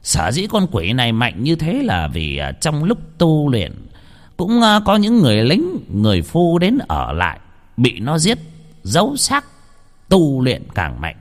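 A man voicing a knowing old village sorcerer, slow, drawn-out and ominous. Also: mid-range voice, huge pitch swings, voice pushed up.

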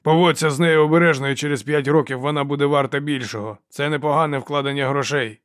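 A man reading an audiobook voices a coarse male slave guard who haggles and mocks in a loud, jeering way. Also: fairly high pitch, fairly even intonation, fast, no room sound, clean studio sound, voice pushed up, natural voice. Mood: jeering, haggling.

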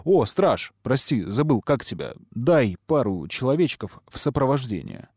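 A man's voice: medium pitch, very animated, normal speed, darkish tone, breathy edge, dry recording, studio quality. A man voicing a brash young nobleman speaking in an offhand, musing way. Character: brash young nobleman, practical big brother.

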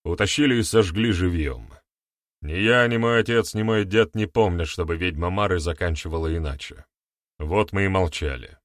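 A man's voice: low-pitched, moderate pace, no echo, clean studio sound, close to an everyday voice. A man reading the part of a stern older male clan elder who speaks hard and coldly. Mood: grim. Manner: hard and cold.

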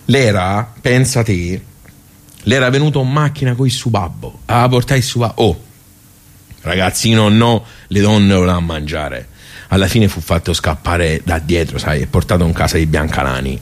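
A male actor plays a village club regular who reminisces nostalgically and wryly, his low voice carrying a Tuscan accent. Chatty and folksy, he strays into digressions at a moderate pace, lightly acted, in the manner of a colloquial radio theatre monologue.

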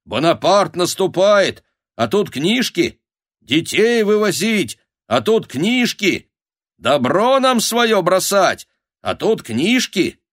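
A man's voice: high voice, very animated, slow, fairly bright tone, voice pushed up, full character voice. Man doing an indignant peasant crowd. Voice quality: clamoring, indignant. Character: angry crowd of peasant men. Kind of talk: audiobook character voice.

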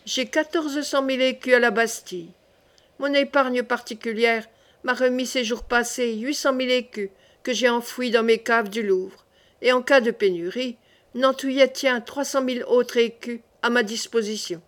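A woman's voice: a little high, steady tone, moderate pace, natural voice. A woman reading the part of a rash, boastful young king in an audiobook, declaiming in bursts. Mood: confident.

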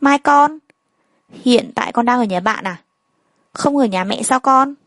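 Woman calmly narrating a story. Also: on the high side, unhurried, low-quality recording. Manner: plain first-person storytelling, reading every character's lines in much the same voice. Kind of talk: first-person story reading.

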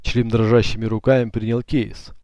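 A man narrating an audiobook in a steady, even voice, recorded close to the microphone. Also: lowish voice, fairly quick, dry recording.

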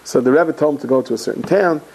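A middle-aged man, a rabbi, giving an animated storytelling sermon with many Hebrew and Yiddish terms, acting out the people in his stories. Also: a little high, fast, vocal fry, breathy edge, rough recording.

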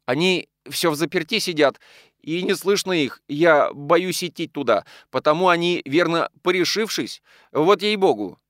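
A man's voice: fairly high pitch, animated, normal speed, a bit bright, dry recording, studio quality, voice pushed up. A man voicing a trembling young housemaid with plain, folksy speech. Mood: timid. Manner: timid, folksy talk.

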